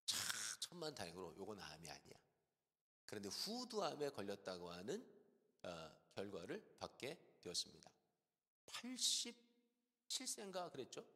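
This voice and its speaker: A middle-aged man preaches a storytelling sermon in a church sanctuary. His voice is bright and ringing, and his pitch swings widely as he acts out his stories. A long hall reverb trails after every phrase. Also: huge pitch swings, normal speed. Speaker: guest pastor preaching.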